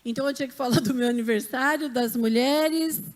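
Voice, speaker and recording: A woman's voice: high voice, brisk. A woman pastor, giving church announcements from the pulpit in a fervent, preacherly way that calls out to the congregation. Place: church sanctuary.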